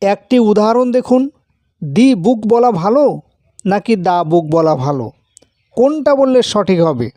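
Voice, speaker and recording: A teacher giving a slow, careful grammar lesson, repeating each rule and example. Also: mid-range voice, mellow, dry recording, studio quality. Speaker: English teacher.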